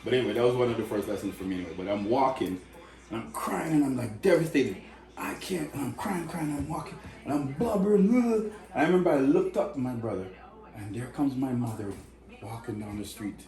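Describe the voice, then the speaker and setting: A man's voice: medium pitch, quick pace, soft background music. Man telling an emotional story. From Canada. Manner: emotional, animated, acts out quoted voices. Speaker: storyteller in a conversation. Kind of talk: casual personal storytelling. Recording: echoey room.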